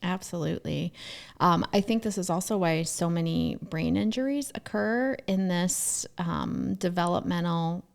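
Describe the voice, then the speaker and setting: A woman with a somewhat low voice and a noticeable gravelly fry co-hosts a relaxed podcast conversation. She talks like a therapist and mother, telling lively stories and acting out her own past remarks. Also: measured pace. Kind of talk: casual podcast chat.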